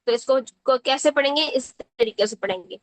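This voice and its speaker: Woman, high voice, Quran reading teacher, patient and slow on each word. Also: low-quality recording. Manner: patient, repeats words slowly for the learner; checks in often with short asides. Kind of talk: step-by-step tajweed lesson.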